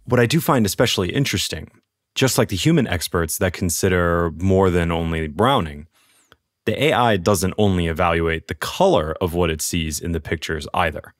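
A man's voice: low-pitched, normal speed, no echo, studio quality. A man co-hosting a podcast, making witty quips in casual chat. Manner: witty, quipping. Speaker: podcast co-host.

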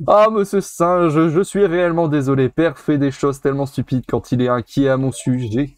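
A man's voice: on the high side, steady tone, moderate pace, no room sound, clean studio sound, natural voice. A man voicing a polite young princess of a forest tribe in a raised, formal voice, reading game dialogue with small hesitations. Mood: gracious. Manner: prim, formal, slightly hesitant.

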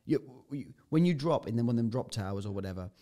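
A man's voice: mid-range voice, lively intonation, fast talker, dark tone. Man, podcast guest, mid-range voice, vivid and blunt storyteller. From United Kingdom. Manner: vivid storyteller, swears freely. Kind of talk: casual chat, anecdote.

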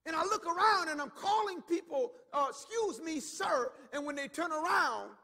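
A male pastor preaching a sermon, swinging from low, intimate asides up to emphatic shouts, and repeating words as he builds his point. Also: expressive, fairly quick, creaky, big-room sound. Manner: repeats words and acts out quoted voices.

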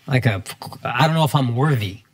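A man's voice: mid-range voice, animated, moderate pace. A man hosting a podcast, asking questions in a thoughtful and slightly hesitant way during casual conversation. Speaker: podcast host.

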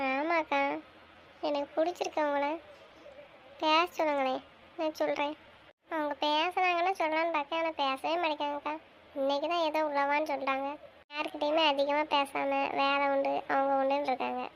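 A young woman acting a naive, earnest girl who pleads softly about a crush in an amateur drama. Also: high voice, steady tone, a little fast, slight background noise. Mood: pleading.

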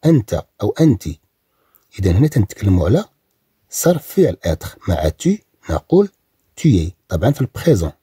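A man with a Moroccan accent teaching French pronunciation, repeating words slowly and drawing them out. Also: lowish voice, mellow, husky, no room sound, clean studio sound. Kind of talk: recorded language lesson.

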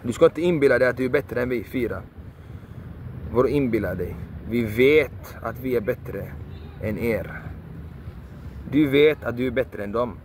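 A video creator delivers a passionate motivational monologue, repeating phrases emphatically and swearing for emphasis in a preachy way. His medium-pitched voice is a little mellow, he pauses often, and a little hiss or hum sits under the recording.

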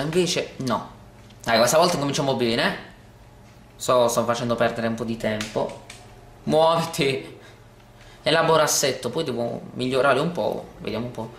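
Excitable gamer man, echoey room. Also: a little high, a little hiss or hum. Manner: excitable, exclaims and swears at the game; says he talks oddly when excited on video. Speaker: gameplay video host. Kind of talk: let's play commentary. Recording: echoey room with loud game music.

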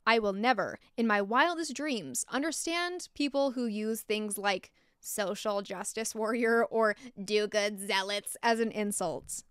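A young American woman narrates a scripted true-crime story, mixing in frank, opinionated, informal asides as she sits close to a desktop microphone in a small log-walled room. Her medium-pitched voice is clear, resonant and fairly bright, and she speaks unhurriedly with hardly any pauses. There's no room sound.

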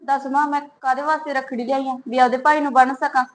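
A woman's voice: high voice, flat delivery, quick pace, a little hiss or hum, natural voice. An actress with a Punjabi accent playing a hurt, proud young married woman who complains and pushes back.

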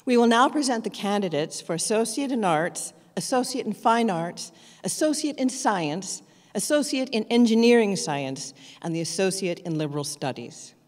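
A woman announcing graduates at a ceremony, reading each name slowly and carefully. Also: medium pitch, animated, a little mellow. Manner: slow, careful, evenly paced name reading. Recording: long hall reverb.

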